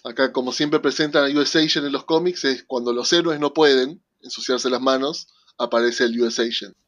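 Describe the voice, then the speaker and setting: A man with a Rioplatense Spanish accent, co-hosting a casual chat that recaps a TV series, talking in an animated, excitable way. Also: mid-range voice. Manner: animated, excitable, switches fast to slow. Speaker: podcast co-host. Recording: dull lo-fi recording.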